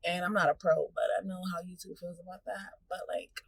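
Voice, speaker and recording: A woman's voice: on the low side, steady tone, brisk, vocal fry, husky, dry recording, rough recording. A woman in her thirties talking casually to her camera as a vlogger, candid and full of fillers. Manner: chatty, candid, filler-heavy; hushed, nervous whispering in waiting room. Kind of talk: casual vlog chat.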